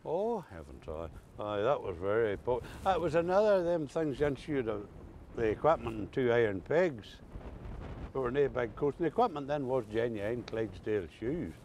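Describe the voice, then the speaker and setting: A man's voice: medium pitch, big pitch swings, moderate pace, darkish tone, slight background noise. An older man with an Ulster Scots accent, reminiscing in a casual chat with folksy, dialect-rich storytelling. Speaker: interviewee recalling old country life.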